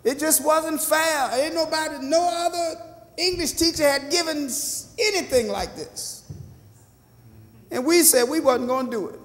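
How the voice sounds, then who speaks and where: An older man preaching a sermon from the pulpit in a small church, drawing answers from the congregation and rising to fervent emphasis. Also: extremely high pitch. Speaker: pastor. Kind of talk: sermon with call and response. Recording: echoey church hall.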